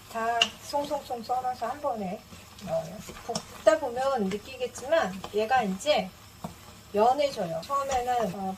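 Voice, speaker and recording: A woman casually talking through her home cooking as she works, with an easygoing, explaining manner. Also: fairly high pitch. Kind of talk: casual cooking narration while cooking. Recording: noisy kitchen with chopping and clicks.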